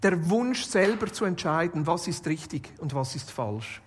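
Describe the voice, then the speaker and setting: A woman's voice: lowish voice, animated, a little slow, slight background noise. A woman preaching a sermon in a conversational tone, with light jokes and points built by repeating and restating phrases. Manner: builds points by listing and restating.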